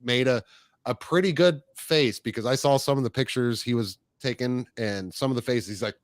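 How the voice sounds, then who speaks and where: A middle-aged man hosting a podcast, chatting casually and telling lively stories, acting out what people said. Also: mid-range voice, normal speed, no echo, studio quality. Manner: animated storyteller, acts out quotes. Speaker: podcast host. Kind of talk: casual chat.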